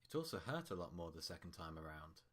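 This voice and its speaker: A man narrates fiction, reading scripted prose as the storyteller in a deep, low-pitched register. His delivery is quick and a bit bright, with big swings in pitch.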